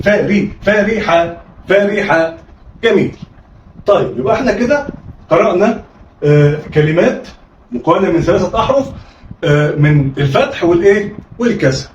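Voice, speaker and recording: An Egyptian man with a high voice teaches a children's reading lesson, sounding out syllables and nudging his pupils along with quick prompts. He sounds a little distant in a roomy space, and the audio is slightly dull. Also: a little mellow, slight background noise. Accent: Egyptian Arabic. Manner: coaxing, call-and-response drilling with frequent "ha?" prompts.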